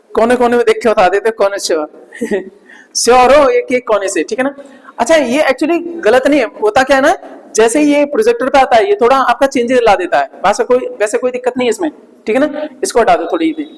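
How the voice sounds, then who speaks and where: A man with a notably high voice teaches vocabulary to a class, repeating each word several times. He checks in with "right?" after nearly every phrase. The sound rings with a long reverb from the classroom. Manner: drills words aloud, constantly asks "right?". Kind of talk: classroom lesson. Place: classroom with projector. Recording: echoey room with long reverb.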